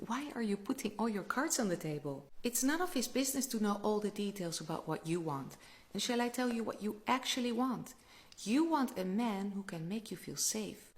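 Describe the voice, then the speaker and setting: A woman with a creaky, mid-pitched voice coaches the listener on dating. She is slick, confident and assertive, laying out clear instructions. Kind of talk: direct-to-listener dating advice.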